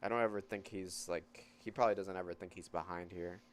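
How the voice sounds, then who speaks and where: A man's voice: sits low, fairly even intonation, fast talker, a little hiss or hum. A young man co-commentating a live poker game, casual and self-deprecating as he talks through hands. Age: young adult.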